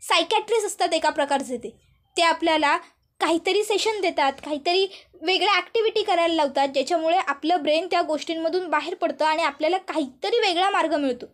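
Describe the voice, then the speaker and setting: A woman's voice: very high-pitched, fast talker. A woman voicing an outspoken young woman who bluntly explains and scolds.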